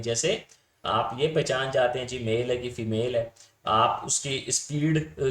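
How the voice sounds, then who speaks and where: A man's voice: medium pitch, roomy sound. A man teaching a class, explaining points in a casual, chatty way and often checking whether his students follow. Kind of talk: Hindi-English lecture on communication theory.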